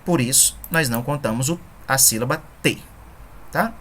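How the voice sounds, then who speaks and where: Low-pitched female teacher, patient and methodical, faint noise in the background. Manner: patient, methodical, counts syllables aloud slowly. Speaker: poetry teacher. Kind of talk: online lesson explaining scansion.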